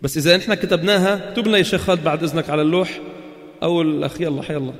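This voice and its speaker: A man with a high voice and a Levantine Arabic accent leads a class on Quran recitation. He chants verses slowly and then explains them in a brisk, questioning way to his students. His voice rings with a long reverb in a large hall. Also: fairly even intonation. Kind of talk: religious lesson to a class.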